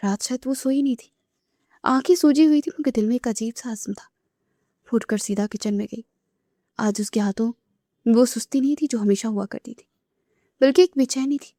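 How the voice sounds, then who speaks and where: A woman narrating a romance novel aloud in a soft, emotive way, sometimes dropping to a whisper. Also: on the high side, no echo, studio quality.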